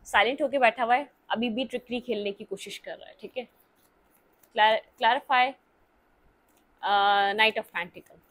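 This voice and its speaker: A woman with a Hindi accent lays out tarot cards and explains each one as she goes. Her voice sits a little high. She thinks aloud, stopping often on small fillers. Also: measured pace, pauses often, a bit bright. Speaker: tarot reader.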